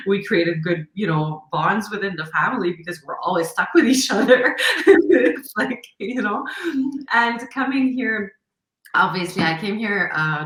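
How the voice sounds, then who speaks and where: A woman's voice: medium pitch, a bit bright, echoey room, low-quality recording. A woman, a podcast guest talking reflectively in casual interview chat, laughing easily and restarting her sentences. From Lebanon.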